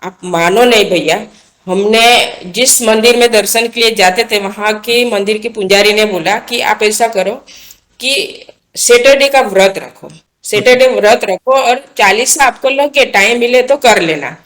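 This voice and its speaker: A woman's voice: on the high side, unhurried, a bit bright. An earnest woman speaks as an interview guest, recounting a personal faith experience in plain, casual talk. She circles back over her own words, repeating and restarting phrases as the story unfolds.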